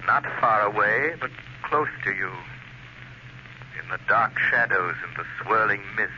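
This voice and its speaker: An actor playing a mysterious unseen avenger, mocking and ominous, in deliberate, theatrical 1930s radio drama style. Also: male voice, fairly low pitch, animated. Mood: mocking menace. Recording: muffled, noisy 1930s radio recording.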